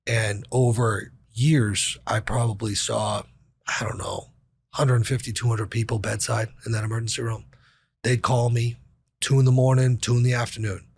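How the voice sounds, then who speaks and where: A man's voice: medium pitch, little pitch movement, moderate pace, creaky, breathy edge. A man talking as a podcast guest, telling a personal story in a blunt, profane, casual way with lots of fillers.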